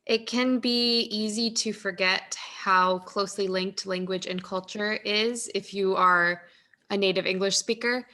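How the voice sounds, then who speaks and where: A woman hosting a podcast interview, responding to her guest in a measured, agreeing way. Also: medium pitch, steady tone, bright, forceful tone. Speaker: podcast host. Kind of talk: conversational interview.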